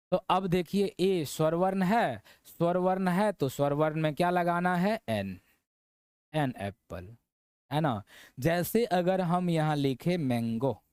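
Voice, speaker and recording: A man talks through a grammar lesson in a fairly high, clear, resonant voice. He keeps quizzing the viewer and tags his points with "है ना". The sound is dry and close, with almost no room echo. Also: a little mellow. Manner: repetitive, checking in with "है ना" and quizzing the viewer. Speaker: English grammar teacher. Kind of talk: classroom-style lesson.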